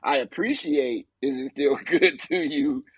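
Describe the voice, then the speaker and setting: A man's voice: a little high, very animated, unhurried, creaky, husky, no room sound, low-quality recording. A man co-hosting a podcast in casual chat, playful and teasing with a jokey edge. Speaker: podcast co-host.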